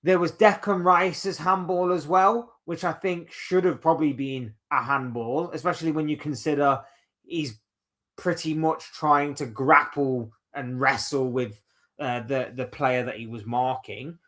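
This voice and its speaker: A man's voice: fairly high pitch, fairly even intonation, unhurried, a bit bright. A man hosting a casual solo football chat, rambling and opinionated, reeling off players one by one. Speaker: football channel host.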